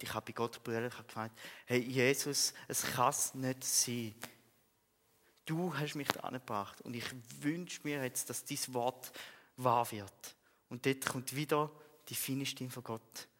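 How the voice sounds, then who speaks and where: A young man with a Swiss German accent giving an earnest church testimony, telling his story with soft chuckles and emphatic bursts. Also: medium pitch. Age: young adult. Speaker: speaker giving a personal testimony. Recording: long reverb of a large hall.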